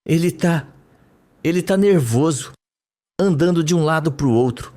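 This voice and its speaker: A man's voice: on the high side, a little slow, warm tone, voice pushed up, close to an everyday voice. A man reading the lines of a frightened young woman recalling a scene under hypnosis, in a dreamy, trembling way, for a soap opera recap. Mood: tense. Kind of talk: read-aloud soap recap.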